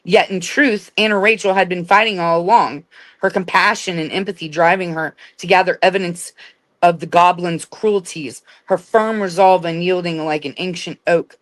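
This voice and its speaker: A woman reading a dark fairy tale aloud as a storyteller, stumbling and restarting words now and then. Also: fairly low pitch, steady tone, moderate pace, dry recording. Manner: reads with slips and restarts. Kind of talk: read-aloud storybook narration.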